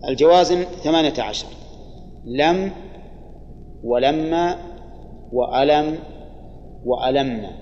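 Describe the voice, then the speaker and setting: A man teaching a grammar class, reciting examples slowly and deliberately and breaking off to quiz his listeners. His voice is dark and mellow. The recording is dull and lo-fi, with a long hall reverb and a faint hiss behind him. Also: fairly high pitch. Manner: slow, deliberate recitation of examples, quizzing students.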